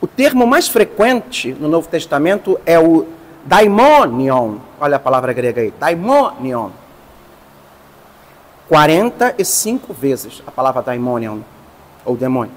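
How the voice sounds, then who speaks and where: A man, a priest, teaching a class, explaining slowly and stressing each term. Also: on the high side, big pitch swings, big-room sound. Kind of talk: lecture.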